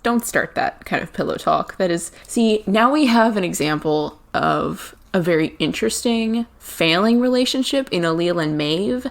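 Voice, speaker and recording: A woman co-hosting a podcast in casual chat, animated and quick to laugh. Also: lowish voice, creaky. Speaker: podcast co-host.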